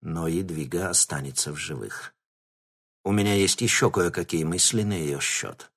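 A man voicing a scheming male baron giving quiet orders in an audiobook. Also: breathy edge, exaggerated voice. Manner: quiet, low and slow. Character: scheming male baron, a calm crime boss.

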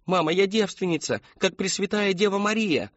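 Guy doing a scared teen girl, way higher voice, begging and crying out, dull dry audiobook sound. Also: moderate pace, no echo. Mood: pleading. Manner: desperate, pleading, tearful. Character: frightened pleading teenage girl.

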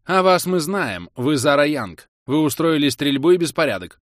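A man performs the part of an officious, frightened male technician who is indignant, rigid and rule-bound. The voice is fairly high and expressive, pitched above the performer's own voice yet still natural, delivered at a moderate pace. It's a dry, studio-quality recording.

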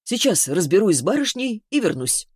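A man reading an audiobook, voicing a calm ship's doctor with a low, dry manner. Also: normal speed, slightly rough, no room sound, exaggerated voice. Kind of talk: audiobook character voice.

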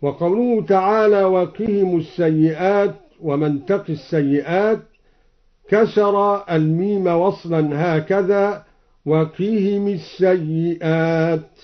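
A man with an Egyptian accent teaching Quran recitation, explaining each reading and then chanting it slowly. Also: high-pitched. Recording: dull old radio broadcast.

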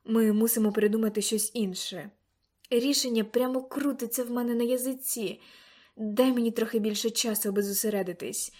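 A woman reading an eager, excitable old grandfather in an audiobook, bursting into loud exclamations. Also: fairly high pitch, brisk, lightly acted. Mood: pondering.

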